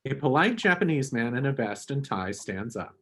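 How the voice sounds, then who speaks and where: A man's voice: mid-range voice, very animated, normal speed, a bit bright. A man reading the stage directions in a matter-of-fact way for an amateur sitcom table read.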